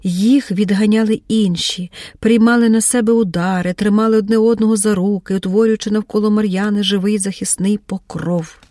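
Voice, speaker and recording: A woman with a medium-pitched voice gives a measured, expressive reading of an audiobook in scripted narration. The recording is dry and studio quality.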